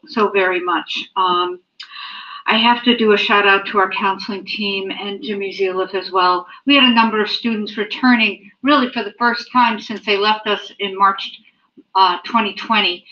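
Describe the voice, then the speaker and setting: A woman speaking at a school board meeting, earnestly thanking staff and listing names. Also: medium pitch. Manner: grateful, earnest, lists names. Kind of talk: meeting remarks. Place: school library meeting room. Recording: dull lo-fi meeting audio.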